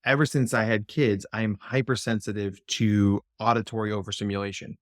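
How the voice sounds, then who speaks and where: A man, a clinical psychologist, talking as a guest in a podcast interview. He speaks in an animated, playful way and slips into silly voices. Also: lowish voice, fairly quick, no room sound, studio quality.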